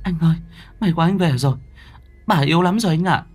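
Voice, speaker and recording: A man's voice: fairly high pitch, brisk, a little mellow, husky, soft background music, pitched above the performer's own voice. A man voicing a young wife in a ghost story, with a choked voice as if close to tears. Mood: tearful. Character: young wife, tearful and urgent.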